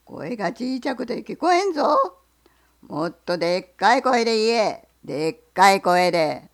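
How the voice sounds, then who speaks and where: A woman voicing a big, lonely male bear with a gravelly, booming voice and a bossy manner in a picture-book reading. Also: very animated, moderate pace. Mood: gruff. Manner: bossy and loud. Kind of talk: picture-book read-aloud.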